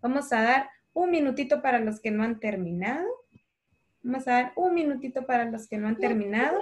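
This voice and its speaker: A woman teaching a primary class over a video call, patient and affectionate, dictating words slowly and clearly. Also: a little high, lively intonation.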